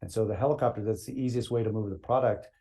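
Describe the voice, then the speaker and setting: A man talking as a podcast guest, telling energetic stories and laughing often. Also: on the low side, rapid-fire. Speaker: floral greens sales executive guest. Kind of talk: casual podcast chat, storytelling.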